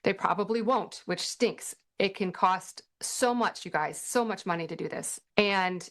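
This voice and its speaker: A woman's voice: mid-range voice, unhurried, fairly bright tone. A middle-aged woman hosting a parenting workshop, answering questions in a chatty way with dry sarcastic asides. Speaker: workshop host and parent advocate. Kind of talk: casual teaching Q&A.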